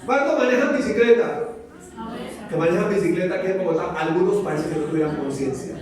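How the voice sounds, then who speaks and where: A Colombian man preaching with a fairly high voice, throwing question after question at his listeners. He slips into little acted-out voices as he goes. He sounds far from the mic, with the sound ringing through a big echoey hall. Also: fast talker, a crowd in the background. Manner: animated, many rhetorical questions, acts out voices. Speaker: pastor. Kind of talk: lively sermon to a congregation. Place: church hall.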